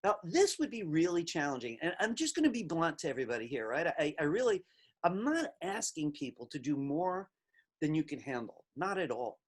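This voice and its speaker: A middle-aged man delivering a recorded class lecture in an easy conversational way. His pitch rises and falls a lot, and he leans hard on the words he wants to stress. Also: sing-song, fairly quick. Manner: conversational, reflective, emphatic on key words. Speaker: teacher.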